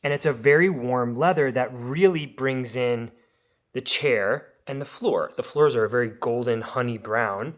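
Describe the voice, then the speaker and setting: A man's voice: mid-range voice, a little slow. A man gushing with emphatic enthusiasm as he chats casually through a home makeover reveal for a vlog.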